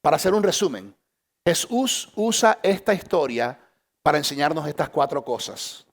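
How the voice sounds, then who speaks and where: A man preaching a sermon in an animated, chatty way, often repeating phrases to drive his points home. His voice sits a little high for a man and has a gravelly edge. He swings between bursts of energy and quiet, slow emphasis. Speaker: pastor. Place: church stage.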